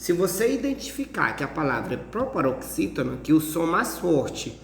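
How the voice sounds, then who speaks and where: A man's voice: on the high side, big pitch swings, normal speed, gravelly, slight background noise. A male Brazilian Portuguese teacher giving an informal lesson, patiently explaining and repeating himself with many fillers. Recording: echoey room with long reverb.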